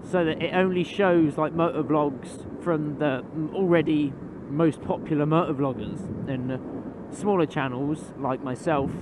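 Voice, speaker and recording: A man's voice: fairly high pitch, fairly even intonation, a little slow, hardly any pauses. A young man chatting casually while riding a motorbike at night, rambling with fillers and casual swearing. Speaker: motovlogger. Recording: road and engine noise behind.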